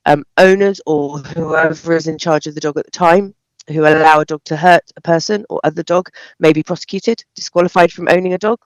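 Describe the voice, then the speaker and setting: A woman with a British accent and a croaky, hoarse voice, reading a formal statement as a council officer. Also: low voice, fairly even intonation, a little fast, no room sound, low-quality recording. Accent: British English. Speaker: council officer responding to a question.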